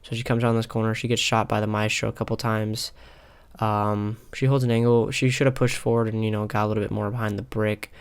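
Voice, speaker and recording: A young man calmly talking over a replay of his own ranked match, pausing often with filler ums. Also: fairly low pitch, smooth. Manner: halting, many filler ums, calm and analytical. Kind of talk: casual gameplay commentary. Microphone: console headset mic.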